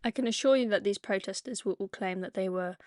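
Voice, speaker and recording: A woman's voice: medium pitch, fast talker, over a noisy crowd, very noisy. A woman commenting over video clips in a sarcastic tone, often hesitating with "uh" and "um". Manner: sarcastic, hesitant with many fillers. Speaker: online political commentator.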